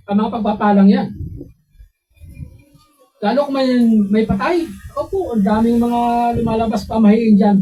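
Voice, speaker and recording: Animated storytelling male pastor. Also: sits high, slight background noise, rough recording. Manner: animated storytelling, voices quotes, asks listeners questions. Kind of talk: preaching sermon with personal stories.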